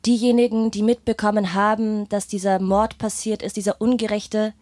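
Speaking at normal speed in a mid-range voice, she sounds flat and a little mellow on a dry recording. The woman is a guest performer, a singer and guitarist, chatting casually into a microphone in an interview and telling her story in a hesitant, thoughtful manner.

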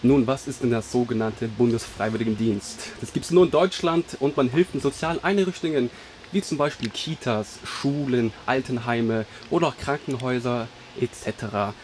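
A man's voice: medium pitch, a little hiss or hum. A young man from Germany hosting a radio show, presenting in an upbeat, scripted announcer manner.

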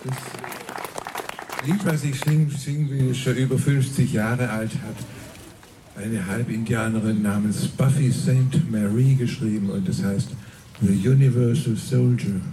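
A man, a singer-songwriter introducing a song on stage in a relaxed, unhurried way. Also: medium pitch, far from the mic, a faint crowd, slight background noise. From Swabia, Germany. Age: 70s. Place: outdoor rally stage.

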